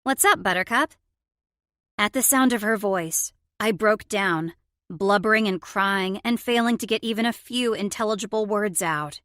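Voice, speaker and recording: A woman narrating a romance audiobook in the first person, with expressive storytelling. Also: medium pitch, moderate pace, no room sound. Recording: dry studio recording.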